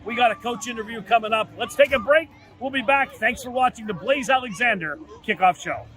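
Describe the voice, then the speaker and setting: Brief: male co-host, very high voice, brisk stat rundown. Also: bright, forceful tone, soft background music, low-quality recording. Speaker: sports show co-host. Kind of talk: football preview with player stats.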